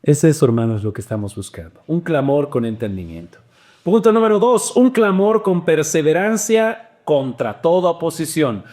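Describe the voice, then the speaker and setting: Animated preaching man, high-pitched. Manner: animated preaching with wide swings in pitch and loudness. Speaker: pastor. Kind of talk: sermon.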